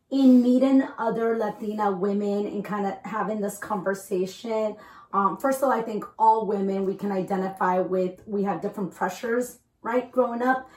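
A woman from El Salvador hosting a podcast, talking candidly and conversationally and slipping in Spanish phrases. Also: medium pitch. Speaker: host. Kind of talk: casual podcast chat. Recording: echoey room.

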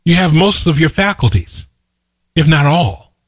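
A man's voice: a little high, expressive, measured pace. A middle-aged man giving an emphatic motivational talk, repeating his key points and telling stories. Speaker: motivational speaker. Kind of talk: motivational monologue.

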